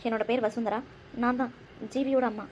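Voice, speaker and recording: Cartoon mother voiced by a woman, soothing and tender, pitched a little high, protective warmth in every line. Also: fairly even intonation, brisk, heavy background noise, natural voice. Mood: earnest. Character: affectionate mother, gentle and protective. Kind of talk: cartoon drama voice acting.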